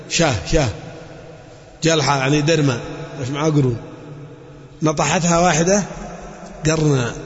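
A man delivers an impassioned sermon in a high voice, his pitch leaping up and dropping low for emphasis. His speech slips between casual phrasing and solemn quotation. The dull, lo-fi recording carries a long echo from a large hall. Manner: impassioned, rises and drops sharply in pitch. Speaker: preacher. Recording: echoey hall, dull lo-fi sound.

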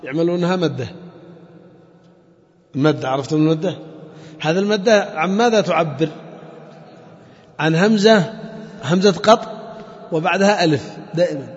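A man with a high-pitched voice teaches a class, stopping often to quiz the students and repeat key terms. The recording is dull and lo-fi, and his voice rings with a long room echo. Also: moderate pace, long pauses. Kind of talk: classroom lesson on Arabic morphology.

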